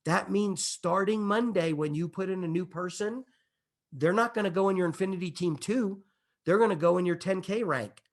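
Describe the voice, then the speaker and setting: A man giving an excitable, emphatic business opportunity presentation, building hype and checking in with his audience as he goes. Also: high-pitched, normal speed. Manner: repeats "okay?" and "imagine this" to the audience. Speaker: company presenter.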